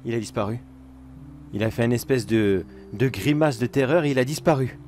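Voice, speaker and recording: A man's voice: medium pitch, fairly quick, darkish tone, a little hiss or hum. A man telling an acted first-person horror story in a coaxing, wheedling voice that turns sinister.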